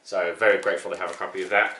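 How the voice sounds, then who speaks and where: A man's voice: deep voice, little pitch movement, very fast, pushed and bright, echoey room, a little hiss or hum. A man, chatting casually about his record collection with many fillers and restarts. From New Zealand. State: out of breath, still sick. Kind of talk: casual show-and-tell chat.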